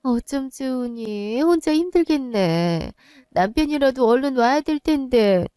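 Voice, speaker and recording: A woman voicing a fussy, sympathetic older woman relative who speaks slowly and in a drawn-out, clucking way in a one-voice audio drama. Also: fairly high pitch, expressive, warm tone, clear, resonant tone, no echo, clean studio sound, close to an everyday voice. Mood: fussing.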